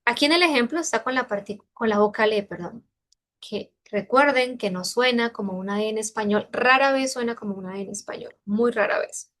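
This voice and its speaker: A Mandarin teacher gives an online pronunciation lesson, demonstrating sounds slowly and repeatedly. She explains patiently and checks understanding with questions, in a fairly high, slightly bright voice.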